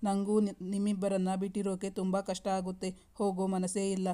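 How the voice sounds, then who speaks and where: A woman's voice: mid-range voice, monotone, brisk, natural voice. Woman voicing a coaxing young husband. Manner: gently coaxing, reassuring. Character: affectionate young husband, busy businessman.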